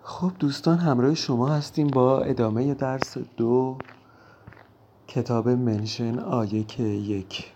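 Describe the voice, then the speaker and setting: Man, language teacher, gravelly, mid-pitched, slow repeated pronunciation drill. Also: steady tone, mellow, slight background noise. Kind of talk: vocabulary lesson.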